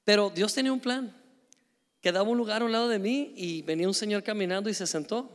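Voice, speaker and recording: A man preaching a sermon, telling stories in a lively, conversational way with frequent tag questions. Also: high-pitched, quick pace, in a large hall. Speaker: pastor. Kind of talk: sermon with storytelling.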